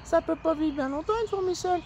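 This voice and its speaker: A woman voices a cheerful young male squirrel telling a children's story, chatty and full of fillers. Her voice is very high-pitched and darkish in tone, at a quick pace, with a little hiss or hum.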